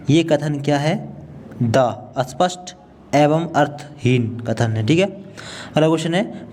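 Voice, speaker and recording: A man working through multiple-choice exam questions and their answers in a steady, matter-of-fact way. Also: a little high, slight background noise. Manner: steady, matter-of-fact, repeats the right option. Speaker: teacher.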